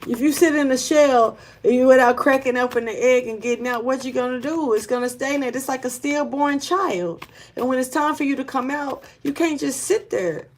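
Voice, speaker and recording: At a moderate pace and with a high-sitting voice, a woman gives a casual spiritual tarot reading. Her talk is loose and blunt, full of slang and cursing, earnest and urgent, with frequent repeats and restarts.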